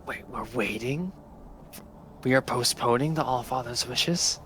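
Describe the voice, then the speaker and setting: A man's voice: medium pitch, a little slow, a bit bright, slight background noise, natural voice. A man voicing a zealous, pompous male warrior devoted to his god. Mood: indignant.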